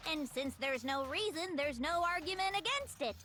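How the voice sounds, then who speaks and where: A woman's voice: sits high, animated, normal speed, bright, forceful tone. A woman playing a gleefully deranged teenage girl mastermind in a video game, with a theatrical, mocking, singsong delivery. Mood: cold, gloating. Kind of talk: English video game voice acting.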